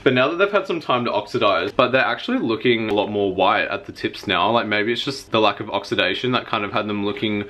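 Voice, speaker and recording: A man's voice: lowish voice, lively intonation, quick pace, hardly any pauses, sharp tone. A young adult man talking casually to camera in a video diary, chatty and informal with lots of filler words. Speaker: vlogger.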